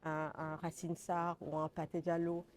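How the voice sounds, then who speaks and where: A woman's voice: low-pitched, completely flat delivery, measured pace, darkish tone, slight background noise. A woman in her thirties from Senegal giving an interview testimonial, earnest and hesitant with many fillers.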